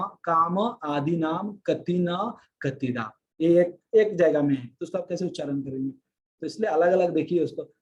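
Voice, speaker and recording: A man's voice: high voice, darkish tone, highs cut off. Man teaching with chanted verses. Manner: explains patiently, chants verses in a slow sing-song. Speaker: presenter teaching shloka memorisation. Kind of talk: devotional teaching talk.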